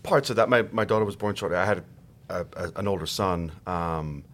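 Deep-voiced Irish man, halting chat. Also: fairly bright tone. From Ireland. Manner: halting, repeats words, self-deprecating. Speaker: guest actor. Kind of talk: casual podcast chat.

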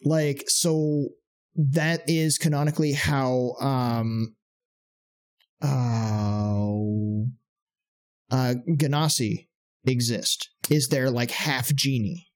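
Podcast co-host, male, mid-pitched, rambling explainer with lots of fillers. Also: steady tone, drawn-out words, long pauses. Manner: rambling, explains game rules with many fillers. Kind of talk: casual chat.

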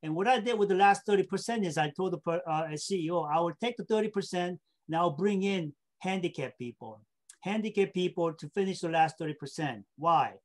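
Speaking a little fast in a voice that sits high, this middle-aged state government official from South Korea responds to interview questions as a guest. He tells anecdotes, walks through things step by step, and frequently adds short tag questions to check in.

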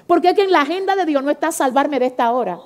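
A woman preaching a fervent sermon, swinging between loud exclamations and soft pleading, calling out to her congregation. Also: high-pitched, animated, quick pace. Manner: calls out to the congregation, asks for responses. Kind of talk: Pentecostal-style sermon.

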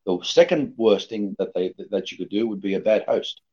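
A middle-aged man raised in Australia, talking casually as a podcast guest in a rambling, lively way with many restarts. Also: on the low side, normal speed. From born in Greece, raised in Australia. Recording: dull lo-fi podcast audio.

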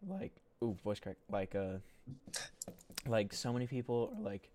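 A man's voice: on the low side, fairly even intonation, unhurried, a little mellow. A young man co-hosting a casual podcast, rambling with lots of fillers and bursts of laughter. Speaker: podcast co-host. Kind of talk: casual chat.

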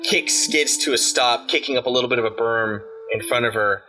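Casual game master, man, meandering narration, bright voice. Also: mid-range voice, a little fast, soft background music. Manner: rambling, filler-heavy.

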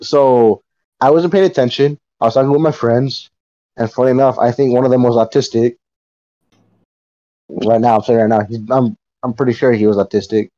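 A man's voice: mid-range voice, moderate pace, mellow. A man co-hosting a podcast, telling a rambling, profane story and laughing often in casual chat. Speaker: podcast co-host. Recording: dull lo-fi sound.

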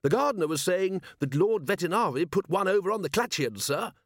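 A prim, devoted butler speaks with formal, fastidious deference, as a male narrator plays him. The voice sits a touch above the reader's usual and moves with lively pitch. It is recorded close and dry. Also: no room sound. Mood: earnest.

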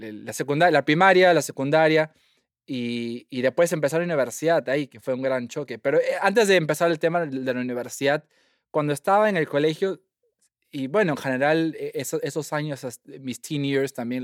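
A young man, a guest telling his story in a lively way and slipping English phrases in among fillers. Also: mid-range voice, no room sound, clean studio sound. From Peru. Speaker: guest scientist. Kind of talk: casual interview storytelling.

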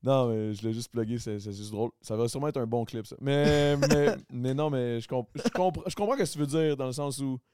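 Joking Québécois podcast host, smooth and dry. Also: male voice, mid-range voice, brisk, few pauses, mellow, dry recording. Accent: Québécois French. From Quebec. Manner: teasing, joking banter. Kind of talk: casual chat.

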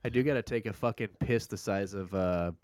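A man co-hosting a live podcast, swearing constantly through loud, teasing banter over a video call. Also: on the low side, a little fast, no echo, studio quality. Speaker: podcast co-host. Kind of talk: crude casual chat.

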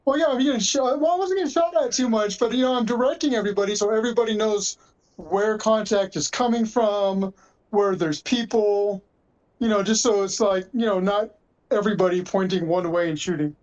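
A woman's voice: medium pitch, brisk, darkish tone. Chatty woman telling a game story. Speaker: airsoft player. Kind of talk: casual podcast chat. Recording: dull lo-fi audio.

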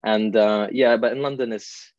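A man's voice: fairly low pitch, steady tone, moderate pace, a little mellow, no room sound, dull audio. A young man from India, raised in Italy, talking as a podcast guest and explaining things with everyday examples and many "you know"s. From born in India, grew up in Italy. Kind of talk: conversational explanation.

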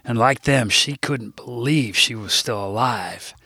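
A man's voice: medium pitch, measured pace, sharp tone, slightly rough, no room sound, clean studio sound. A man reading his own comic novel aloud, with wry, irreverent asides to the listener. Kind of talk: comic audiobook narration.

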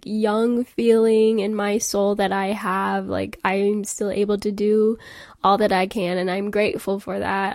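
A woman in her mid-twenties, with a fairly high, darkish voice, hosts a podcast and rambles casually about self-care. Her phrasing is youthful and informal, and the studio-quality recording is dry.

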